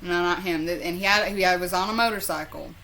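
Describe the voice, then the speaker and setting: A woman's voice: on the low side, quick pace, pushed and bright, slight background noise. A woman with a Southern US accent telling a personal story in a casual, rambling, sweary and self-deprecating way. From southern US, North Carolina. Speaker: storyteller vlogger.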